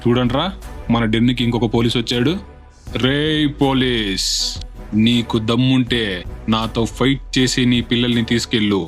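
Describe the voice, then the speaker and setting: A man voices game characters in a commanding, mock-heroic way. His pitch sits in the middle. Faint music runs beneath the dub. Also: little pitch movement, normal speed. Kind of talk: Telugu game dub role-play.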